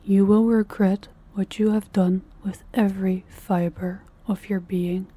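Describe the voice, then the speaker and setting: A woman voices a cold, dominant mafia boss in roleplay audio, talking down to the listener with deliberate, commanding condescension. Her medium-pitched voice is mellow and husky, the delivery flat and menacing.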